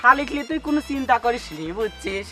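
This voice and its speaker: A man's voice: very high voice, animated, fast talker, a bit bright, soft background music. A man with a rural Pabna Bengali accent playing a blunt, crude son-in-law.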